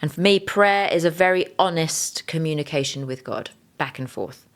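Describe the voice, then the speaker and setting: A woman's voice: low voice, moderate pace. A woman podcast host and singer-songwriter telling an earnest, openly emotional faith story, restarting her sentences often. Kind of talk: personal faith testimony.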